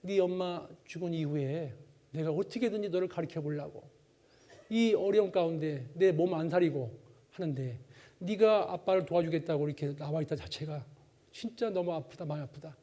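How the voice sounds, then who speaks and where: Guy acting out a worn-out farmer dad, big feelings, highish voice. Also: normal speed, close to an everyday voice. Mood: tearful. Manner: shouts joyfully while digging, or weeps quietly. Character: hardworking farmer father, middle-aged, emotional.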